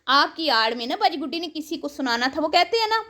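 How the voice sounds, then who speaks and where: Her voice is high, expressive, bright, and forceful as she reacts to other creators online. The commentary is sarcastic and scolding, and she refers to the viewer as her sister.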